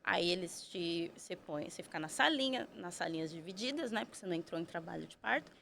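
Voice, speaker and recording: A woman's voice: fairly low pitch, expressive, fast, creaky, fairly bright tone, slight background noise. A woman, telling her story as a podcast guest, chatty and full of tag questions. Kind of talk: casual storytelling.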